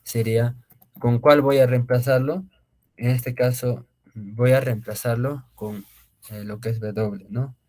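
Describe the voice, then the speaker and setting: A male language teacher, mid-pitched for a man, lecturing to an online class. He explains slowly and repeats words, with many fillers and tag questions. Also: steady tone, warm tone.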